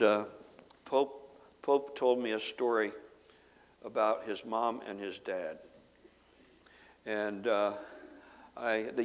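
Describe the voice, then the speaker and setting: A pastor preaching a sermon to his congregation, retelling a Bible story with animated, acted-out dialogue. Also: lowish voice. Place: church sanctuary. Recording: long reverb of a large hall.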